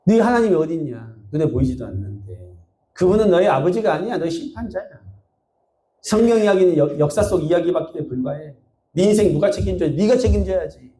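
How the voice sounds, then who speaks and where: A man's voice: sits high, animated, fairly quick, mellow. A male pastor voicing Satan as a mocking accuser inside his sermon. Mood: taunting. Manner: mocking, scolding. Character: taunting Satan, a scornful accuser. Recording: echoey church sound.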